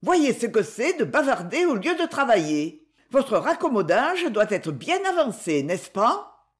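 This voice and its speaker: A woman's voice: fairly high pitch, big pitch swings, unhurried, voice pushed up. A woman reading an audiobook voices an arrogant middle-aged stepmother who scolds in an acerbic, haughty tone.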